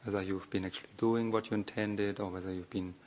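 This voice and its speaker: A man speaking as a monk leads a guided meditation off the cuff, using short, measured phrases broken by long, hesitant pauses. His lowish voice has little pitch movement and a darkish tone, with a little hiss or hum in the recording.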